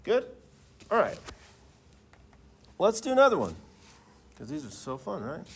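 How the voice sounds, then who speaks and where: A man's voice: a little high, huge pitch swings, unhurried, husky. A man teaching a class in the manner of a professor lecturing, informal and often checking in with students through questions.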